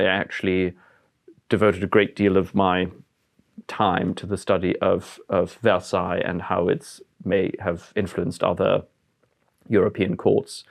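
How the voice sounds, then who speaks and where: A museum curator of about forty who grew up in France gives thoughtful, searching interview answers in a low, creaky voice. He's indoors in a historic house.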